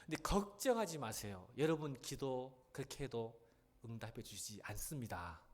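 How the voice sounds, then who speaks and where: A middle-aged male pastor preaching in a church, talking conversationally and mimicking people with playful, rough slang. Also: medium pitch, animated, moderate pace, a little mellow. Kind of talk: sermon. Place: church sanctuary.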